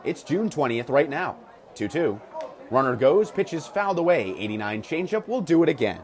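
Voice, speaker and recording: Very animated and fairly high-pitched, an American man does live radio play-by-play for baseball at a moderate pace. Crisp, punchy calls trade off with stat-filled asides, with the ballpark clearly audible behind him.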